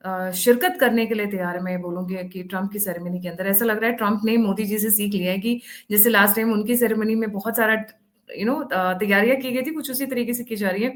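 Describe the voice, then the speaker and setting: A woman's voice: mid-range voice, steady tone, brisk. A woman opens a news discussion as its host. Her delivery is conversational and lightly teasing, and she mixes in English phrases as she sets up the topic.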